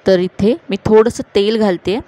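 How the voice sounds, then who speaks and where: A woman hosting a cooking channel, calmly narrating each step of a recipe to viewers in a voice-over. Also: medium pitch, moderate pace. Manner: calm, instructive, addressing viewers directly.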